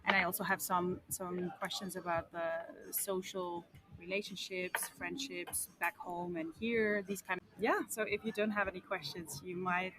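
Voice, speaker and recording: A woman's voice: fairly low pitch, fairly even intonation, moderate pace, background noise. Hesitant woman asking questions. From Netherlands. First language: Dutch. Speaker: researcher interviewer. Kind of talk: interview questions.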